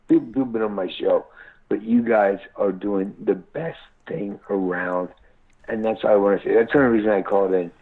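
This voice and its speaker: Guy calling in on a crackly phone line, kinda low voice, swears a lot, keeps stammering and restarting. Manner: profane, stammering with many restarts. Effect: crackly phone line that keeps breaking up. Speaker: caller into a radio show. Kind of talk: rambling live call-in chat. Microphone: cell phone. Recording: tinny cell phone line.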